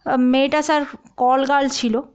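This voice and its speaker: A woman's voice: sits high, little pitch movement, moderate pace. A woman voicing a huge, fearsome-looking male police officer who keeps saying "sir" and hesitates with fillers. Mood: deferential.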